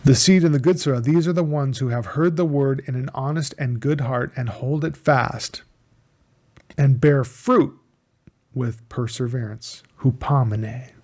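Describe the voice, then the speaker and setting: An American man gives a casual Bible lesson in a steady middle register, unhurried and medium in pitch. His delivery is earnest, with key words said again for emphasis and phrases frequently begun anew.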